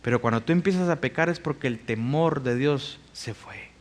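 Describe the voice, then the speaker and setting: A man's voice: mid-range voice, normal speed. A male pastor preaching a sermon, reading scripture aloud and putting rhetorical questions to the congregation. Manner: reads scripture passages aloud.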